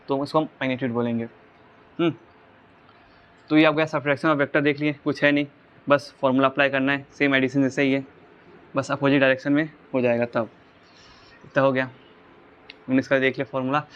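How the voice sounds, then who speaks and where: A man's voice: mid-range voice, clean tone, dull audio. A man teaching a physics lesson, explaining each step and checking in with rhetorical questions.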